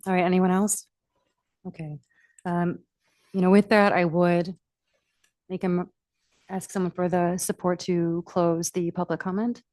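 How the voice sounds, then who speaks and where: A woman speaking as the chair of a township board meeting, making formal remarks in halting, measured phrases. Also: fairly low pitch, little pitch movement, a little mellow, dry recording, studio quality.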